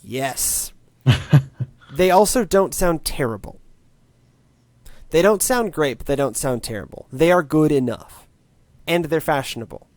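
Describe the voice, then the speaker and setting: A man's voice: on the high side, animated, unhurried, long pauses, darkish tone, no echo. A man in his late twenties, a tech podcast co-host, chatting casually in a wry, rambling way with lots of restarts. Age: late 20s.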